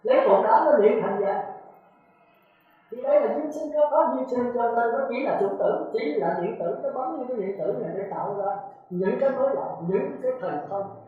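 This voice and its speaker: A man's voice: very high-pitched, expressive, moderate pace. A man, a Buddhist monk, giving a dharma talk with emphatic rhetorical questions to his listeners. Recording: echoey, phone-like lo-fi recording.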